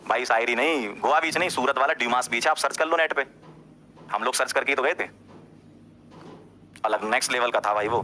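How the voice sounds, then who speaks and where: A man, a teacher, casually telling a story to his class, talking straight to his listeners and often checking in with them. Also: a little hiss or hum. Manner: animated, jumps up in pitch when insisting.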